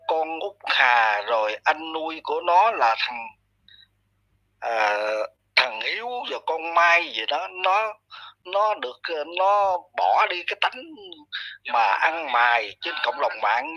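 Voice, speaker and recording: Man, fairly high voice, forceful, blunt scolding commentary. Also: expressive, unhurried, muffled recording. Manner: blunt, scolding, addresses listener harshly. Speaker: online commentator. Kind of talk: ranting commentary monologue.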